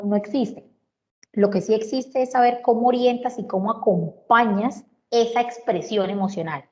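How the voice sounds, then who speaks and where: A woman's voice: medium pitch, a little mellow, highs cut off. Woman explaining emotions to teachers. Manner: asks rhetorical questions, repeats key points, acts out adult remarks. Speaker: workshop speaker on emotions and learning.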